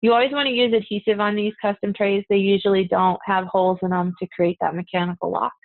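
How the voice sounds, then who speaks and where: A woman's voice: medium pitch, little pitch movement, fast talker, vocal fry, no echo. A woman instructor giving a recorded lecture to dental assisting students, practical and direct, calling them "you guys". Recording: tinny phone-like, dry.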